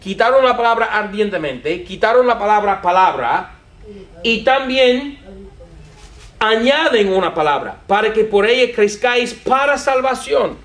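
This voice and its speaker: A man preaching a sermon to a congregation, animated, repeating words and asking them questions. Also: high-pitched, measured pace, echoey room. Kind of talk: sermon teaching. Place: church with a congregation.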